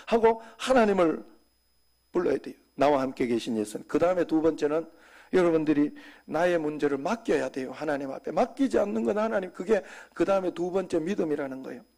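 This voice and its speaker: A man preaching a sermon as senior pastor, talking conversationally and dropping suddenly to soft, quiet asides. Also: on the high side, animated, brisk, vocal fry.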